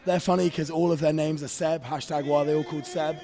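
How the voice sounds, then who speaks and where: A young English man with a fairly high voice, chatting through live sports commentary in an upbeat, slangy way. He's recorded outdoors beside a playing field, talking easily with a co-host. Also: fairly even intonation, a little fast, dark tone. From England.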